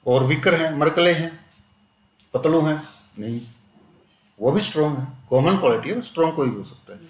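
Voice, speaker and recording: A man leads a grammar class, pressing students with questions and drawing examples out slowly. His voice sits a little high for a man. The room rings with a hard echo. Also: animated. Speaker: teacher. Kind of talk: classroom grammar lesson in Hindi and English. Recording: echoey classroom.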